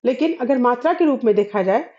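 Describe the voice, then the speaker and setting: A woman with a fairly high yet mellow voice teaches a Hindi grammar lesson. She explains slowly, pausing and filling gaps, and often clears her throat. The recording sounds dull and lo-fi. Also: lively intonation. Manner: explains slowly with many fillers and pauses.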